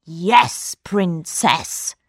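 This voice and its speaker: A woman voicing a wicked old male magician in disguise, speaking in a sly, drawn-out way. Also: lowish voice, fairly bright tone, slightly rough, no echo, clean studio sound, full character voice.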